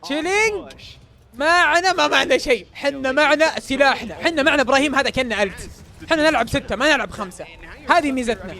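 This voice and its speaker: A man giving excited live commentary as a streamer, chanting and cheering his team on. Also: very high-pitched, fast talker.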